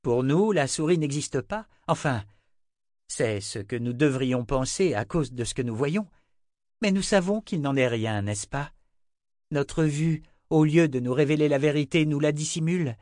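A man's voice: a little high, moderate pace, darkish tone, no echo, studio quality, voice pushed up, natural voice. A man reading an audiobook voices a strange, earnest young man who pleads and lectures. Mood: lecturing. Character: strange, fervent young man, anxious and preachy.

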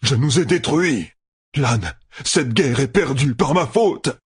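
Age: older. Figure: a man playing a grim old general. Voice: husky, low. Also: expressive, measured pace, fairly bright tone, no echo, studio quality, exaggerated voice. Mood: despairing. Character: proud aging male general, grim and shaken.

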